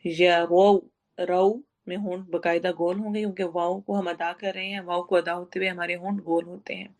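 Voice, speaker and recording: A woman teaching a Quran tajweed lesson, reciting slowly and then explaining each sound step by step. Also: fairly low pitch. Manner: slow drawn-out recitation, then steady explaining.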